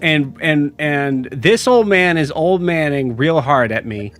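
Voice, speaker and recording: Touchy young desert local played by a game master, whiny, swooping pitch, unhurried, light music behind. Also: expressive. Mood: defensive. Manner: whiny, touchy, quick to take offense. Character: defensive twenty-year-old desert local. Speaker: non-player character in a tabletop game.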